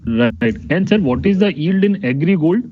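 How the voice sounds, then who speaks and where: On a dull, noisy conference phone line, an Indian financial analyst politely presses management with questions during an earnings call. His voice is fairly high and expressive, at a normal speed.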